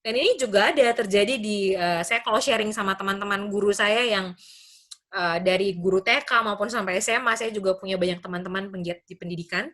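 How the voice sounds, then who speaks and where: Bright-voiced woman lecturing teachers online. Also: medium pitch, a little fast. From Indonesia. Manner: explanatory, addresses audience as Bapak Ibu, acts out students' questions. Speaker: university lecturer. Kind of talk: webinar presentation to teachers.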